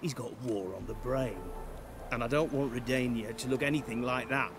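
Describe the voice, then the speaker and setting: A man's voice: mid-range voice, normal speed, close to an everyday voice. An actor playing a world-weary middle-aged male soldier in a video game, speaking plainly. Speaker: guard.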